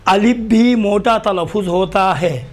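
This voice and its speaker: High-voiced man teaching a slow class. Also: darkish tone. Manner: slow, repeats letters for students to write down. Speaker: Quran reading teacher. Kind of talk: live class instruction.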